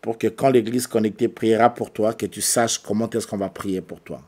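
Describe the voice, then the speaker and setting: A man, a pastor, preaching a sermon, repeating phrases for emphasis and swinging from quiet asides to louder, insistent passages. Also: lowish voice, fairly even intonation, moderate pace.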